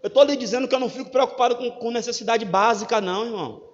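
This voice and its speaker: A male pastor with a very high voice delivers a lively, joking sermon. He swings between booming preaching and hushed asides. His voice rings with a long reverb in a large church hall. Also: very fast, lo-fi sound. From Brazil.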